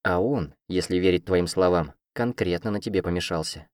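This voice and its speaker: A man's voice: low-pitched, normal speed, dry recording, studio quality, close to an everyday voice. Man doing a gossipy young girl student. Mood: gossiping.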